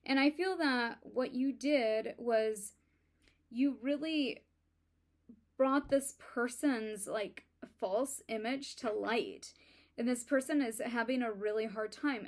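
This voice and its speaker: A woman giving a casual tarot reading, talking in a halting way with many fillers and restarts. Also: fairly high pitch. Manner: halting, many ums and likes, self-admitted stuttering. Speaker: tarot reader.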